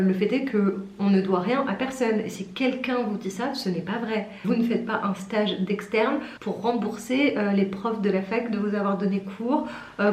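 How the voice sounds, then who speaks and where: A woman's voice: medium pitch, darkish tone. Chatty young woman in a roomy echo. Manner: chatty, self-mocking, acts out quoted people with raised voice. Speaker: pharmacy student vlogger. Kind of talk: casual storytelling vlog. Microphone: camera mic.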